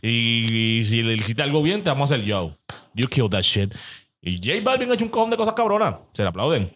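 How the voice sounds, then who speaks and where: A man's voice: medium pitch, big pitch swings, quick pace, fairly bright tone. A man with a Puerto Rican accent chats as a podcast host. He jumps between Spanish and English mid-sentence, in blunt Spanglish full of swearing. His opinions come out casual and unfiltered, in a mid-range voice. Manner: blunt, profane.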